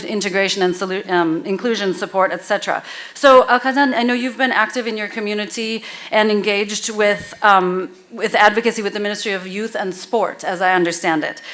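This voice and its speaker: A woman's voice: mid-range voice, fairly bright tone. A woman moderating a conference panel from a lectern in a lecture hall, speaking thoughtfully and introducing the next speaker. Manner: thoughtful, measured, with "um" fillers. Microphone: lectern mic.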